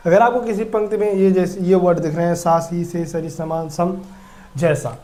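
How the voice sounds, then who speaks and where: A male teacher explaining a grammar lesson, repeating key words slowly and asking the class questions. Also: sits high, level tone, dark tone. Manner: repetitive, drills words slowly.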